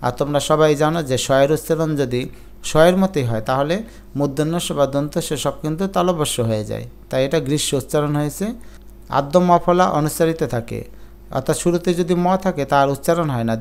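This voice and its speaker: A male teacher from Bangladesh gives an exam-prep lecture, working through pronunciation rules step by step with examples. His voice is fairly high, a little mellow, and clean in tone.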